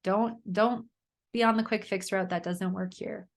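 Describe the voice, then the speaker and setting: A woman's voice: mid-range voice, steady tone, unhurried. Earnest lady coach chatting on her solo podcast, keeps saying right?, mid-range voice. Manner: chatty, earnest, frequent "right?" tag questions.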